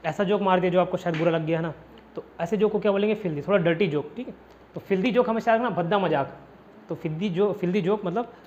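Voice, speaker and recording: A man's voice: high-pitched, darkish tone, dull audio, slight background noise. A man from India teaching a casual vocabulary lesson in a classroom, explaining each word with repeated rhetorical questions.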